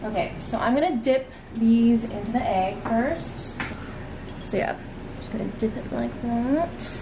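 A woman's voice: on the high side, unhurried, creaky, background noise. A young woman chatting upbeat while she cooks in her home kitchen, talking through each step of a family recipe. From Filipino heritage family. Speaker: vlogger. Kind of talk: casual cooking vlog.

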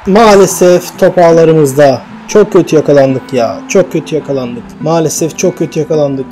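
A man commentating his own football video game match, shouting and groaning at chances, then calmly recapping standings at night at home. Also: fairly high pitch, moderate pace, soft background music. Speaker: gaming YouTuber. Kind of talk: excited gameplay commentary.

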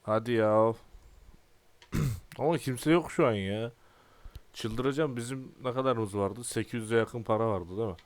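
A young man in his twenties giving casual, exasperated gameplay commentary and often clearing his throat. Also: mid-range voice, unhurried, long pauses. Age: 20s. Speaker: gaming YouTuber.

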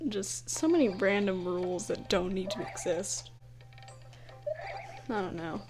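Speaking unhurriedly in a medium-pitched, darkish voice, this woman plays a game on her YouTube channel at home late at night, trying to stay quiet. Game music runs underneath as she giggles, pokes fun at herself, and occasionally snaps at the game.

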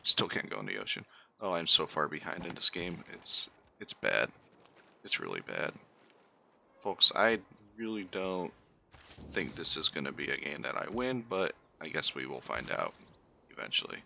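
Male game host, bright, lively delivery, self-deprecating let's-play chatter. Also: sits low, normal speed, creaky, slight background noise. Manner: mutters running asides to himself and his units. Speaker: gaming channel host. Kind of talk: casual let's-play commentary.

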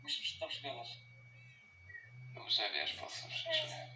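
A woman voicing a cold, menacing male vampire father in a Minecraft roleplay, speaking in a low, hushed way. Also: huge pitch swings, a little slow, exaggerated voice. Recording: roomy, distant mic, faint hiss.

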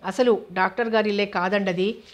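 A woman's voice: medium pitch, fairly even intonation, normal speed, lightly acted. A woman reading a panicked, deferential male driver. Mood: frantic. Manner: frantic, deferential.

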